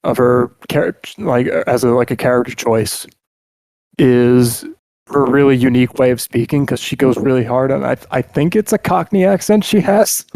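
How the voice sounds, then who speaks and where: A man's voice: mid-range voice, normal speed, vocal fry, a little mellow, dry recording. A man hosting a podcast, musing casually with hesitant restarts. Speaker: podcast host. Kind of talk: casual chat.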